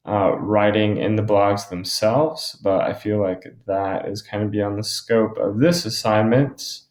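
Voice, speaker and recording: A man's voice: lowish voice, darkish tone. A male teacher casually thinking aloud with many ums as he walks through a screen recording of blogs. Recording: roomy echo.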